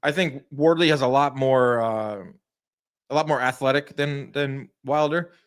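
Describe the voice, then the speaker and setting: Smooth-voiced and medium in pitch, this boxing livestream host speaks a little slowly. He gives relaxed live fight commentary, offering his views and responding to people in the chat.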